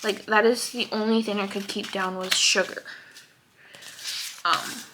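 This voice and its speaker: Young woman vlogger, unhurried and chatty, heartfelt talk about pregnancy at home. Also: mid-range voice, level tone, background noise. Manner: chatty, heartfelt, many fillers. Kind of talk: casual vlog chat.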